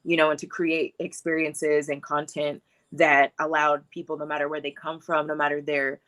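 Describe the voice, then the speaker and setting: A woman in her thirties sits as the guest on a talk show and tells her life story in a casual, reflective way. Her voice is bright, and she drops in fillers and laughs easily. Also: deep voice, level tone, moderate pace. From born in Hawaii, grew up in Texas. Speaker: filmmaker guest.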